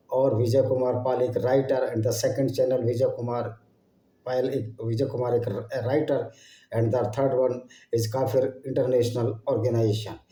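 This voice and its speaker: An Indian channel host whose first language is Hindi delivers an impassioned solo monologue to his viewers in Indian-accented English. His English is halting, and he often repeats and rephrases himself in a dark, mid-range voice. The audio is poor, with an echoey room.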